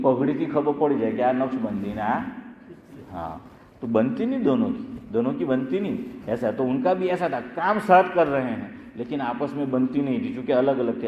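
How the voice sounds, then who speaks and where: A male Islamic scholar giving a lecture, telling anecdotes and asking rhetorical questions that he answers himself. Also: medium pitch. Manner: lively storyteller, rises sharply when telling jokes. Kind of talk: Urdu religious lecture with anecdotes. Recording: echoey hall, dull lo-fi sound.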